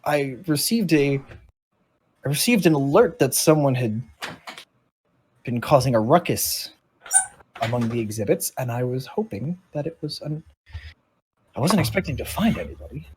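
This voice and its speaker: A man's voice: mid-range voice, expressive, normal speed, pauses often, a little mellow, slight background noise, natural voice. A man voicing a rotund floating robot keeper who talks in a prim, overly polite way.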